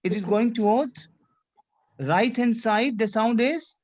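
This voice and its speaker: A French teacher leading an online class in English peppered with French phrases, often repeating words and asking whether everything is clear. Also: mid-range voice, slow, a little mellow. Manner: repeats phrases, checks understanding with "C'est clair? D'accord?"; mixes English with French phrases and a little Hindi.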